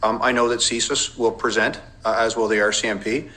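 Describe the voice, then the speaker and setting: Cop guy testifying in cross examination, lowish firm bright voice, careful formal wording. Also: little pitch movement, poor audio. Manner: measured, precise, careful wording with legal references. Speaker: police intelligence officer testifying as a witness.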